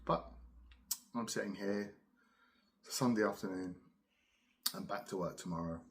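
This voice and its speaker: A middle-aged man with a southern English accent, chatting casually and unhurriedly to camera, musing with pauses between puffs on a pipe. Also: lowish voice. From Cambridge, England. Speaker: pipe-smoking video host. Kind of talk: casual rambling solo chat.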